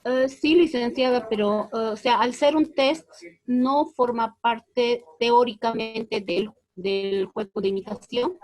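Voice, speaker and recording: A woman's voice: a little high, takes it slowly, a little mellow, faint music behind. Hesitant woman student on a video call. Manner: hesitant, brief replies. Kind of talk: asking a question on a video call.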